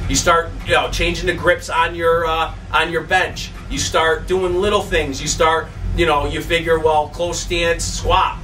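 A man's voice: a little high, bright, forceful tone, distant mic, slight background noise. A middle-aged man hosting a bodybuilding channel, giving casual advice to the camera in a home basement gym, rambling and repeating himself with many fillers.

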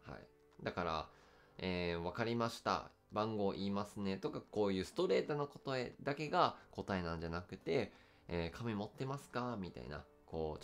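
Low-voiced man teaching English test answers. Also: a bit bright. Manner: slow careful English readouts, frequent fillers. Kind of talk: explaining test questions.

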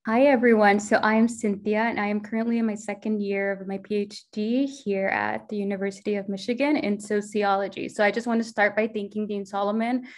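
A woman's voice: medium pitch, steady tone, brisk, few pauses. Young woman PhD student, courteous opener, video call. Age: young adult. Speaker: graduate student panelist. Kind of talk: virtual panel introduction.

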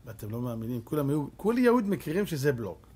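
A middle-aged man, a rabbi, giving a Torah lesson as an animated storyteller who acts out voices. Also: mid-range voice, breathy edge.

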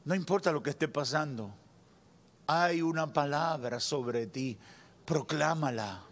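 A Dominican pastor in his thirties, speaking with a Dominican Spanish accent in a slightly high voice, delivers a fervent sermon from the church stage. Holding a handheld mic at the pulpit, he swings between loud declarations and slow, hushed lines.

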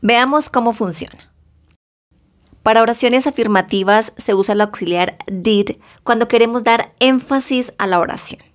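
Woman English tutor, measured bilingual lesson delivery, slightly high voice. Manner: deliberate, stretches example words, careful English pronunciation. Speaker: English teacher. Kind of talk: slow bilingual grammar lesson.

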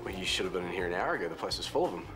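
Cheeky young nz barman in a soap, talks quick and stumbly, earnest, music behind. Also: sits low, expressive, low-quality recording. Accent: New Zealand. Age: 20s. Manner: stammering, informal. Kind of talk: naturalistic TV soap acting.

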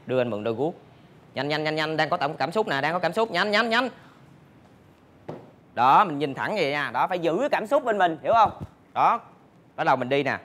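An actor playing a flamboyant, bossy pageant walking coach who gives theatrical, sing-song instructions. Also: male voice, on the high side, expressive, fairly quick, long pauses, a bit bright, slight background noise. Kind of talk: TV sitcom acting. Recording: music score underneath.

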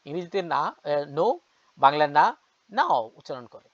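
A man giving a casual vocabulary lesson, repeating each word slowly for learners. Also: fairly high pitch, big pitch swings, a bit bright, no room sound. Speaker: language teacher. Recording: dull lo-fi sound.

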